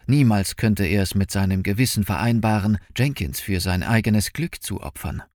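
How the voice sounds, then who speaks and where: A man narrating an audiobook in an expressive, dramatic storytelling manner. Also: lowish voice, normal speed, no echo, clean studio sound.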